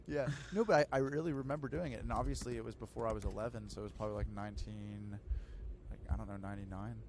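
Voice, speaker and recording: A man's voice: on the low side, steady tone, fast, background noise. A man in his thirties hosting a podcast, chatting loosely and filling his talk with "like" and "dude". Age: 30s. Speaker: podcast host. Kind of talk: casual chat.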